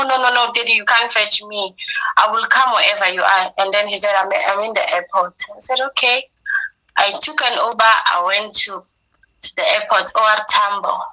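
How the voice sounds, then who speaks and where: A woman's voice: mid-range voice, bright, forceful tone, poor audio. A young woman telling a personal story in conversation, acting out the dialogue she quotes as she goes. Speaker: interviewee recounting her experience.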